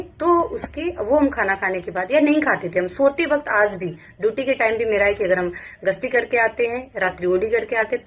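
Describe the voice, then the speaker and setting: A young woman speaks to exam students in a casual, earnest way, circling back to repeat her points. Her pitch sits in a middle range. A faint hiss stays under the voice. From Bihar. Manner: earnest, repetitive, speaks in first-person plural. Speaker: police sub-inspector giving study advice. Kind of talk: casual advice talk to exam aspirants.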